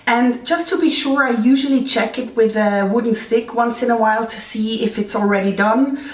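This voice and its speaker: Recorded indoors in a home kitchen with a roomy echo, a distant mic and faint noise, a Swiss woman hosts a home baking vlog. Her voice is on the high side at a normal speed, and she chats to camera in a playful, informal, self-deprecating way with a Swiss accent.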